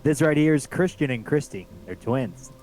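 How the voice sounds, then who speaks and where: A man's voice: medium pitch, lively intonation, moderate pace, a little mellow, faint music behind, close to an everyday voice. A man voicing a polite, cheery suburban dad welcoming a new neighbor in a dating game read-through. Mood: hospitable. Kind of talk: voicing visual novel characters on a live stream.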